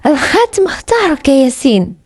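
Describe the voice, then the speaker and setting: A woman's voice: high voice, sing-song, brisk, dry recording. A woman with a Moroccan accent voicing a frightened, tearful young woman. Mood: startled. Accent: Moroccan Arabic. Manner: urgent, tearful.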